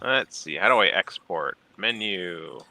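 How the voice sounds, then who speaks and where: A man's voice: low voice, animated, measured pace, pushed and bright, slight background noise. A man hosting a casual stream, joking and talking through what he does on his computer. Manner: jokey, narrates his own clicks. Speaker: streamer hosting a 3D printing chat. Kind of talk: casual chat while working on a computer.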